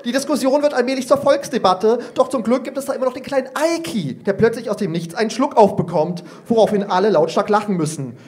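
A man performing a comic first-person story at a poetry slam as a teacher, told in a lively, animated way. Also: very high-pitched, fast, hardly any pauses.

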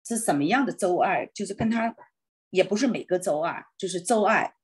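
Husky woman teaching Spanish online. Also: fairly low pitch, expressive. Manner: thinking aloud, hesitant, slow when saying Spanish words. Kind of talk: online Spanish class in Chinese. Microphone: video call.

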